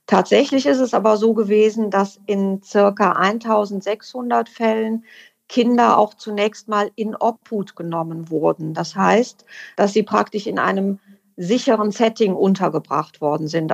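A woman speaking as an official, explaining in measured, formal phrasing. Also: mid-range voice, creaky, highs cut off. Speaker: deputy head of a youth welfare office. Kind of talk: explanatory interview talk.

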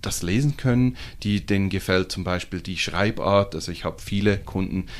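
A man with a Swiss German accent, a comic shop owner talking casually as a podcast guest, animated and full of fillers and restarts. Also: sits low, moderate pace. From Switzerland.

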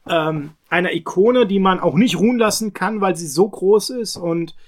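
A man's voice: sits high, normal speed. A middle-aged man co-hosting a podcast, chatting casually and emphatically about films with slangy enthusiasm. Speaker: podcast co-host.

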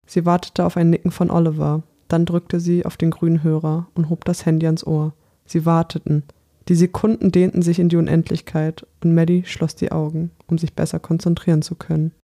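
A narrator reading a thriller novel aloud in a measured, tense audiobook style. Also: medium pitch, little pitch movement, warm tone. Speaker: audiobook reader.

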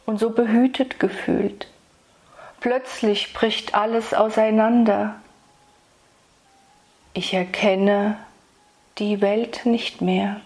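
A woman speaking as a spiritual meditation guide, soothing and intimate, addressing the listener solemnly and tenderly with long pauses. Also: mid-range voice, a little mellow. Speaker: spiritual meditation guide delivering channeled messages.

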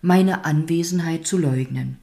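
A grey, sighing spirit of sadness speaks hesitantly and quietly, as a woman puts her on in a storybook reading. The voice sits low with a soft, dark tone. She sounds worn down and mistrustful. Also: a little slow, creaky. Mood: weary.

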